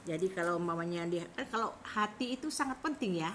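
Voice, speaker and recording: A middle-aged woman chatting casually on a live stream, rambling about food and then pitching a herbal product to her viewers. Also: lively intonation, fast, a bit bright, a little hiss or hum.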